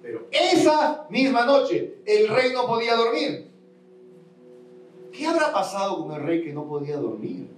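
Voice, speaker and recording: High-voiced male pastor preaching, echoey church, mic a bit far, lots of repeating and questions to the crowd. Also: sing-song, unhurried, a little hiss or hum. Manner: storytelling, acts out voices of the king and Haman; emphatic repetition, rhetorical questions to the congregation. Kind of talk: sermon. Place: large church sanctuary. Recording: roomy church sound from a distance.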